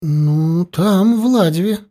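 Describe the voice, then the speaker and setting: A man's voice: high voice, slow, warm tone, voice pushed up. A man voicing a frightened teenage boy who stammers and falters as he answers.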